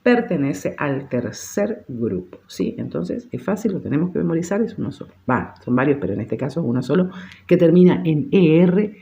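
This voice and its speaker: A French teacher who gives a patient lesson, repeats words slowly and often checks in with short questions. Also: medium pitch, sing-song, vocal fry, mellow, dull audio. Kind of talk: language lesson.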